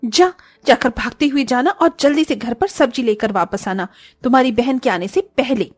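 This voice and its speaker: A harsh, commanding sister-in-law, put on by a woman storyteller, barking orders in a high, sharp voice. The recording is close and dry, with no room sound. It suits an animated family storybook. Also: normal speed, no room sound, lightly acted. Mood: scolding. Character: bossy domineering young sister-in-law, scolding.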